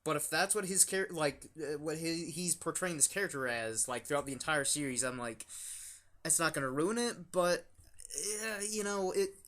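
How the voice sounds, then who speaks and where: A man's voice: a little high, expressive, normal speed, fairly bright tone. A young man hosting a casual review chat, rambling with lots of fillers and restarts. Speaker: YouTube channel host.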